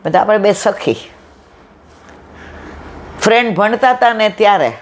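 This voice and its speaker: A woman tells devotional stories in a satsang talk, unhurried and with lively intonation at a medium pitch, playing out the quoted speech in a conversational manner. There's slight background noise.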